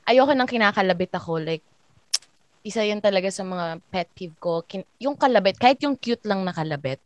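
A woman's voice: mid-range voice, lively intonation, fairly quick, no echo, highs cut off. A young woman hosting a casual Taglish podcast chat, chatty and laughing often. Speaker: podcast host.

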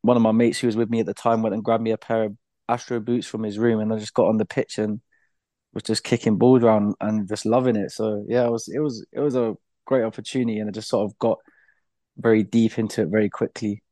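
A young man with a British accent, chatting casually as a podcast guest, relaxed, with easy laughs and loose fillers. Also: fairly low pitch, quick pace, no room sound. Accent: British English. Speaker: podcast guest, blind footballer. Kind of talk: casual interview chat.

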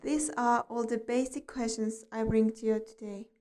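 A woman hosting a podcast lesson, reading out phrases in two languages and repeating each one slowly for listeners to copy. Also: a little high, level tone, music in the background. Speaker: language teacher and podcast host. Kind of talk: slow bilingual vocabulary lesson.

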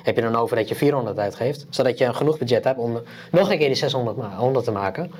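A man co-hosting a podcast, chatting casually with a lively, enthusiastic delivery and many restarts. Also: mid-range voice, fast, a little hiss or hum. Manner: animated, enthusiastic, lots of restarts. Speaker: podcast co-host. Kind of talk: casual chat.

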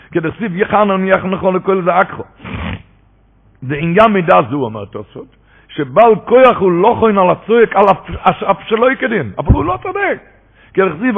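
A man giving an animated religious lecture on a Talmud commentary, building to emphatic preaching. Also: fairly high pitch, vocal fry, breathy edge. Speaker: Torah teacher. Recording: tinny phone-line radio broadcast.

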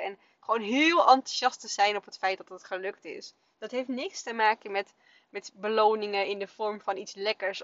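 On her parenting podcast, a woman in her thirties recounts a story in a fairly bright, medium-pitched voice. She's chatty and uses plenty of fillers in this casual monologue, and the recording is dry, dull, and lo-fi.

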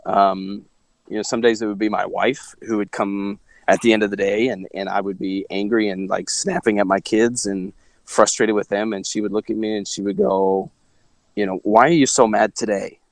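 A man from Missouri, USA, speaks as an interview guest in a casual faith-based conversation, reflective and rambling with many fillers and restarts. His voice is lowish, creaky, and fairly flat in pitch, at a moderate pace on a dry recording.

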